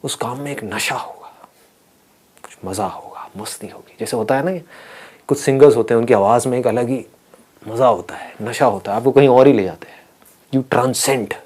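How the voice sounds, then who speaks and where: A man leading a live motivational session for students, animated and playful, often asking the audience questions. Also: mid-range voice, moderate pace, long pauses, breathy edge. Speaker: motivational speaker.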